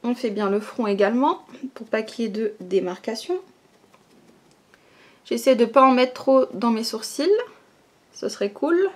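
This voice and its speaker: A young woman with a somewhat high voice talks casually as she does her makeup. She explains each step in a chatty way, dropping fillers and small "hop" sounds as she works. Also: measured pace, long pauses. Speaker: beauty vlogger. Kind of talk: casual get-ready-with-me makeup tutorial.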